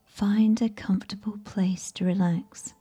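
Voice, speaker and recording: A woman narrating a bedtime sleep story in a soft, soothing, whispery ASMR voice, breathy and right in the listener's ear. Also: mid-range voice, fairly even intonation. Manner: slow, soothing, gentle.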